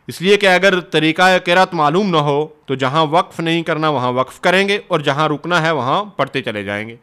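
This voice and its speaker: A man giving a scripted religious lesson, reading in a measured, explanatory way and reciting quotations. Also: high voice, sharp tone, smooth. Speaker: religious teacher.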